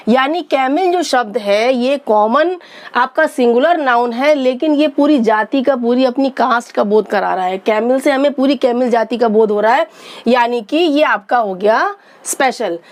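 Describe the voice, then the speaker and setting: A woman teaching English grammar in a patient lesson, asking and answering her own questions and repeating points. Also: sits high. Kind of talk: explanatory lesson.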